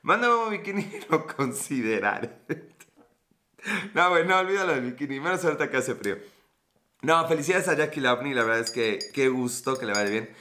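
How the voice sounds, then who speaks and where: Bright-voiced joking Mexican man. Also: mid-range voice, fairly quick, long pauses. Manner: joking, slangy, rambling, laughs often. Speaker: live streamer reading chat. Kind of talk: casual comedic live chat.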